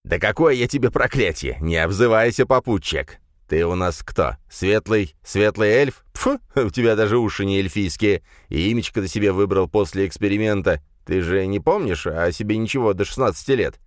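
A man with a very deep voice voicing a mocking, cruel inner darkness that taunts its host, in an audiobook reading. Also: lively intonation, moderate pace, few pauses, dry recording, studio quality.

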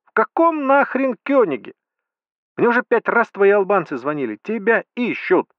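A furious wife shrieks down the phone in a piercing high voice, put on by a male reader. Her pitch leaps all over the place. The voice sounds dry and a little dull. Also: expressive, normal speed, no echo. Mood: furious shrieking. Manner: shrill, screaming.

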